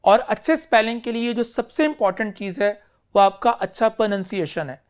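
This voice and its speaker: Here a man teaches English spelling, switching between Urdu and English as in a classroom lecture. He speaks in a high, clear, resonant voice, explaining slowly and carefully with many examples of spellings. He keeps checking on his students, whom he calls "beta."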